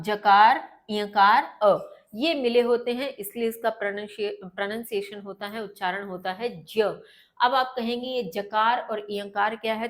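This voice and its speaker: A woman teaching a textbook lesson, pitched a little high. She goes through it word by word, repeating each gloss in a patient explanatory voice. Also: fairly bright tone. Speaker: Sanskrit teacher.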